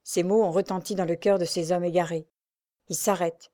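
A woman narrating an adventure novel aloud in a steady, dramatic storytelling voice. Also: lowish voice, fairly quick. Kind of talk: audiobook reading of an adventure novel.

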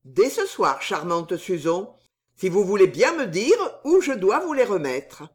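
A woman's voice: mid-range voice, big pitch swings, a little slow. Woman playing a flowery young gallant poet. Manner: grand, pleading declarations.

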